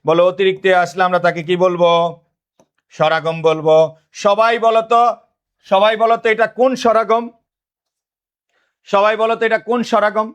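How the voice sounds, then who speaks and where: Bangladeshi guy teaching online grammar class, kinda high voice, keeps repeating questions to the kids. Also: flat delivery, normal speed, long pauses. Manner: drilling students with repeated questions; calls himself big brother to students.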